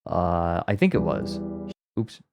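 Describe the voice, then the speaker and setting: A man's voice: low voice, big pitch swings, takes it slowly, gravelly, over music. A man streaming and chatting casually as he reacts to a video, rambling and explaining with wry asides, his voice muffled because he records under a blanket for sound deadening. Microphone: close mic inside a blanket fort.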